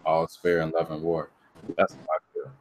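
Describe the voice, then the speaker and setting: A man's voice: very deep voice, flat delivery, fairly quick, a little hiss or hum. A man hosting a casual discussion podcast, telling a story in a laid-back way and laughing as he goes. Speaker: podcast host.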